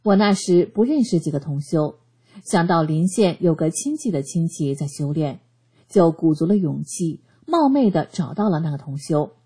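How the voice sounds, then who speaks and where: A woman giving a scripted narration of a first-person testimony, reading in an earnest, steady way. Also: deep voice, normal speed, breathy edge.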